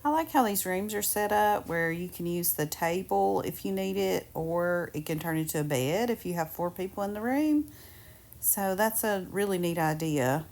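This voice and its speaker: A woman's voice: fairly low pitch, animated, moderate pace, vocal fry, darkish tone. A woman giving casual, upbeat vlog narration in a chatty way. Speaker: travel vlogger.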